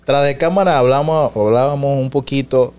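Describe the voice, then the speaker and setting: Male host, Panama City accent, mid-pitched, easygoing and playful. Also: normal speed, a little mellow, clean tone. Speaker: interviewer, host. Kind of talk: casual interview.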